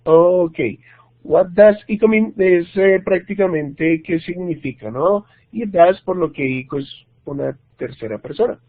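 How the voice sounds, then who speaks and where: Over a tinny, dry video call through a computer mic, a man with a slightly high voice teaches an online English grammar lesson in Spanish, using English examples. He speaks at a measured pace with hardly any pauses and patiently checks in with students using "¿cierto?" and "¿listo?".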